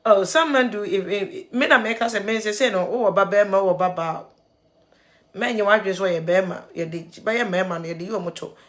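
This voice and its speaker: A Ghanaian woman vlogging about a troubling story. She is tearful and earnest, mixing English and Twi with halting repeats. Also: medium pitch, fairly bright tone. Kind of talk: emotional video commentary.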